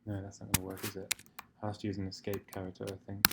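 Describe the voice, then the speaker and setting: A man improvising a software walkthrough, hesitant and fumbling for words as he thinks aloud, in a gravelly voice. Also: lowish voice, monotone, fast talker. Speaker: software tutorial presenter. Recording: faint noise, keyboard typing and clicks. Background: computer keyboard typing and mouse clicks.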